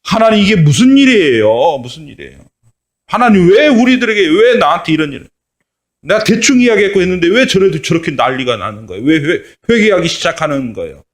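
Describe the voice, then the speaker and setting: A sulky, complaining prophet from a children's Bible story, as a man puts him on. His voice sits high and leaps about with petulant, dismissive whining. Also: very animated, fairly quick. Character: sulky, whiny male prophet Jonah.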